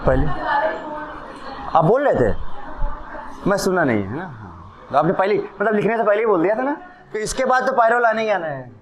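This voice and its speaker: A man teaching chemistry in a classroom, switching between Hindi and English as he explains. His voice sits high and swings widely in pitch, and he keeps pausing to quiz his students. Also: sing-song. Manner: mixes Hindi and English, quizzes students with questions. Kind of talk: classroom lecture.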